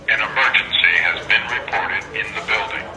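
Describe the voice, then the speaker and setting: Male announcer for a building evacuation alert: formal, deliberate, piercingly bright, fairly low-pitched. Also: reverberant, rough recording. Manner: formal, deliberate, repeated public-address delivery. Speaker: emergency announcer.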